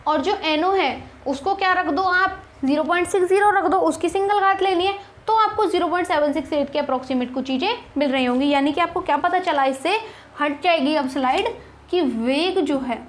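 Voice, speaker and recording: A young woman with a high voice teaches an online chemistry lesson. She works through each problem step by step. She keeps asking her students rhetorical questions and reassures them. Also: brisk. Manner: addresses students as kids, reassuring.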